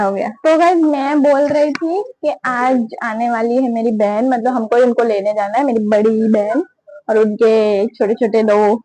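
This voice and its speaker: A woman's voice: on the high side, a little mellow, no room sound, rough recording. A young woman, chatting casually to her phone camera at home for a family vlog. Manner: chatty, talks to her pet and family in between. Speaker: family vlogger.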